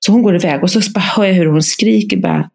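A woman co-hosting a casual podcast, telling lively anecdotes and acting out voices. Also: medium pitch. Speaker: podcast co-host.

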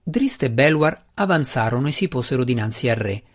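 A man narrating a fantasy novel as an audiobook in an even, expressive storytelling voice. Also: medium pitch, a little fast. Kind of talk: scripted narration.

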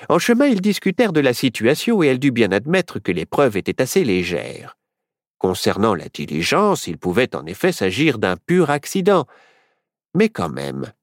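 A man narrating a children's storybook in an expressive, measured way. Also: medium pitch, dry recording, studio quality. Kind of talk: storybook reading.

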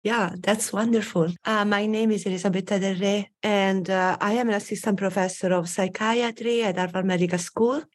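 A woman's voice: medium pitch, steady tone, moderate pace, hardly any pauses. Enthusiastic woman from Italy. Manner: earnest, enthusiastic. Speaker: psychiatry researcher, subcommittee co-chair. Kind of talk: interview answers.

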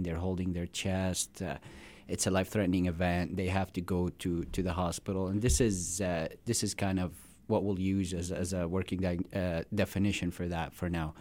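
A man in his thirties from Syria, a cardiologist guest explaining heart conditions in a measured way with frequent hesitations. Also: deep voice, a little mellow. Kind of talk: medical interview.

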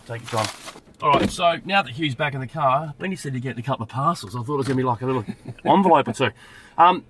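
A man's voice: medium pitch, fast. A man hosting a casual chat from behind the wheel of his car. He asks questions in a friendly, easygoing way with plenty of hesitant fillers. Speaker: podcast host interviewing in his car. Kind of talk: casual chat while driving. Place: driving a car. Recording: faint road noise.

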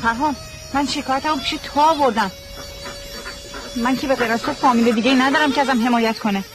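A woman's voice: sits high, natural voice, rough recording. An actress playing a young woman doctor who earnestly pleads with her cousin. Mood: pleading. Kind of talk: TV drama acting.

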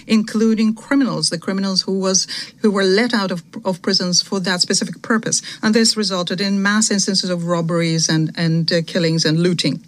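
Halting live interpreter voice, mid-pitched. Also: fairly bright tone. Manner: halting, uneven pace with restarts and self-corrections. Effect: live simultaneous interpreter voice. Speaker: interpreter for a diplomat. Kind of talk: simultaneous interpretation of a formal statement.

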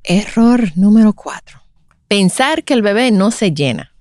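Casting note: woman, 40s, lively storyteller in an interview, dry close sound. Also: mid-range voice, unhurried, dry recording. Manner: animated, acts out quoted voices. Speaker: guest speaker on breastfeeding.

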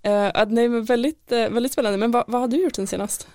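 A woman's voice: fairly high pitch, a little mellow, no room sound, clean studio sound. A woman co-hosting a podcast in casual chat, speaking hesitantly with many fillers. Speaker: podcast co-host.

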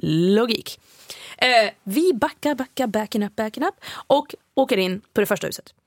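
A woman's voice: on the high side, animated, no room sound. A woman co-hosting a casual podcast, animatedly retelling a mishap between bursts of laughter. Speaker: podcast co-host. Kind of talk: casual storytelling chat.

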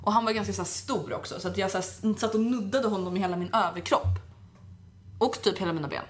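A young woman chatting casually, telling a story in an animated way and acting out what people said, with lots of filler words. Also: mid-range voice, a little hiss or hum. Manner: animated, acts out quotes, heavy filler words.

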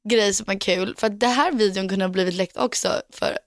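A woman's voice: mid-range voice, no room sound, studio quality. A young woman co-hosting a casual chat, telling frank stories, swearing freely and switching between Swedish and English mid-sentence. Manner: animated storyteller who acts out her own quotes. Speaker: podcast co-host.

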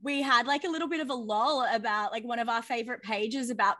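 A woman's voice: on the high side, fast talker, bright, forceful tone, no echo, studio quality. A woman co-hosting a podcast, chatting in a bubbly, gushing way full of fillers. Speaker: podcast co-host. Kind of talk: casual chat.

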